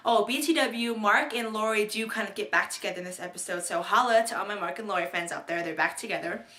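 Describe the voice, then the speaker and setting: A woman's voice: medium pitch, fast, bright, forceful tone. A young woman chatting casually as she recaps a TV episode, bubbly and rambling, with many fillers and restarts. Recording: echoey room.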